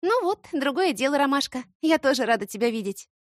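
Woman voicing a bold young heroine, teasing, mocking, high-pitched, swooping intonation. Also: big pitch swings, fairly quick, no room sound, studio quality.

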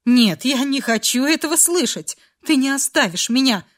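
A woman's voice: high voice, lively intonation, normal speed, voice pushed up. Woman voicing a desperate young heroine crying out. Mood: desperate pleading. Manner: pleading, crying out.

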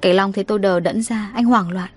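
Woman storyteller, steady and emotive first-person narration, mid pitch. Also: brisk, breathy edge.

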